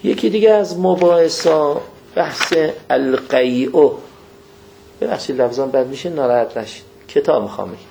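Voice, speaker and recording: A man preaching a religious lecture, speaking in a folksy way, questioning his listeners directly and quoting scripture in a slow, measured cadence. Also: fairly high pitch, animated, vocal fry, warm tone, slight background noise.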